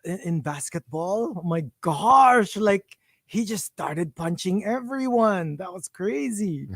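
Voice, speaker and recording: A Filipino woman co-hosting a morning radio show, giggly and animated, switching between English and Tagalog. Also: mid-range voice, takes it slowly, dry recording, clean studio sound. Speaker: radio co-host. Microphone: studio mic.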